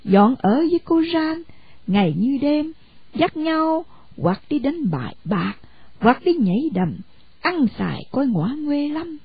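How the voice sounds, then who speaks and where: A woman narrates a storybook in an expressive, animated reading. Her high voice has a gravelly rasp and swings widely in pitch. The sound is dry and dull, like a lo-fi recording. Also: unhurried, no room sound.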